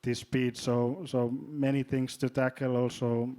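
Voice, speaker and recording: A man from Finland with a Finnish accent, speaking as a panelist in a hesitant way, often repeating words and filling pauses. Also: mid-range voice, level tone, mellow. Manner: halting, repeats words, many fillers. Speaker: panelist, drone company executive. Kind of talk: panel discussion.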